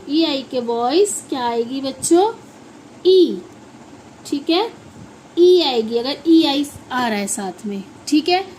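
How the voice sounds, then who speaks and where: A high-pitched Indian woman teaches children English sounds at an unhurried pace. She spells each word slowly, letter by letter, then asks the class to say it back. A faint hiss sits under her voice. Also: darkish tone, rough recording. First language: Hindi. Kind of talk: phonics lesson for children.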